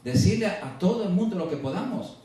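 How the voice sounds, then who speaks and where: A male preacher giving a sermon, slowing and rising in pitch to stress scripture, then dropping low. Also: lively intonation, mellow. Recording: echoey, distant church radio recording.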